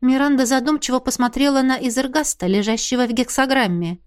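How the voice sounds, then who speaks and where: Brief: female audiobook narrator with a fairly high voice, even and measured delivery. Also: smooth. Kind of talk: scripted fantasy narration.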